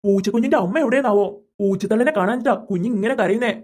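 A man voicing a gentle, easygoing cartoon father who reassures his children. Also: high-pitched, rapid-fire.

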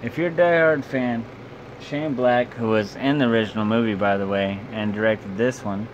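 Casting: drunk young male amateur reviewer, average pitch, loose profane delivery, noisy small-room home recording. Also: fairly even intonation, moderate pace, dull audio. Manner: loose, rambling, blunt, swearing. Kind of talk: rambling casual video review, profane. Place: small bedroom, indoors. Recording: clear background hum and noise.

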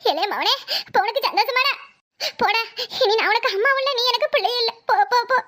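A woman voicing a scheming older village mother-in-law in a Tamil cartoon, with a southern Tamil accent and a shrill, whiny, melodramatic manner. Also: quick pace, pushed and bright. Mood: bitter scolding. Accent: southern Tamil Nadu. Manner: fake wailing, scolding. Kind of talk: cartoon voice acting.

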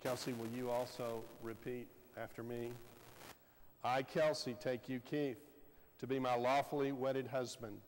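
Officiant, male, sixties, feeding wedding vows phrase by phrase; church reverb and clear recording noise. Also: medium pitch, level tone, measured pace. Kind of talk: leading wedding vows in short phrases for repeating. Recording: reverberant, noisy church camcorder audio.

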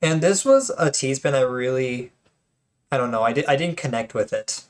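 A man's voice: medium pitch, lively intonation, normal speed. Chatty man commenting on game replays. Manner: chatty and joking, with frequent fillers and restarts. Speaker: channel host and tournament commentator. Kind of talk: casual replay commentary with tips.

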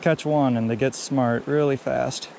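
Speaking at a medium pitch and an unhurried pace, a young man narrates relaxed commentary for viewers while he fishes at a creek and pond. It's a fishing vlog shot on a head-mounted action camera, with the clear sound of a running stream and the outdoors in the background.

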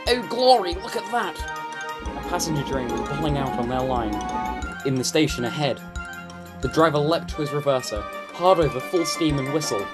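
A man from the United Kingdom narrating a children's storybook in an animated, expressive way. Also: mid-range voice, moderate pace. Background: background music.

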